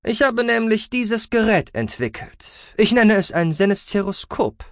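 Creaky, pompous alien doctor, as a man puts him on. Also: high-pitched, big pitch swings, measured pace, dry recording, clean studio sound, voice pushed up, exaggerated voice. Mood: boastful. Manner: boastful lecturing.

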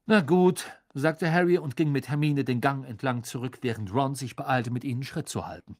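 A man narrating a children's fantasy audiobook with expressive, lively storytelling. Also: medium pitch, brisk.

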